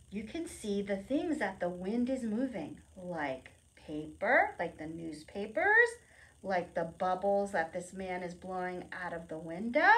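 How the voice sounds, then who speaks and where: A woman with a mid-range voice leads a preschool storytime. She reads aloud and explains in simple, expressive phrases, asking young children questions.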